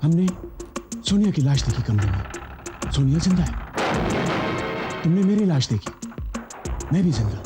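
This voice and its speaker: A man's voice: a little high, very animated, a little slow, long pauses. An actor playing a bewildered young man in a TV horror serial who stammers nervously. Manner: stammering, agitated. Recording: dramatic background music.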